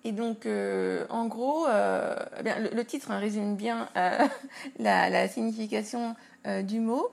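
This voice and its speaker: A woman hosting a podcast English lesson, explaining words slowly and carefully and spelling them out letter by letter. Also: mid-range voice, gravelly. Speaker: English teacher and podcast host.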